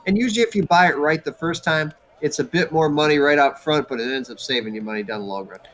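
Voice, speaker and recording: A man's voice: on the high side, quick pace, fairly bright tone. A man, a guest racing tuner, giving blunt, salty advice in casual talk over a video call.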